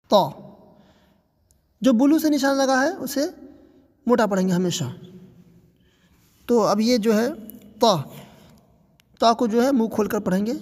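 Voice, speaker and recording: A woman's voice: fairly high pitch, a little mellow, big-room sound. A woman teaching Quran recitation, patiently drawing out each letter sound and repeating the right and wrong versions. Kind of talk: tajweed pronunciation lesson.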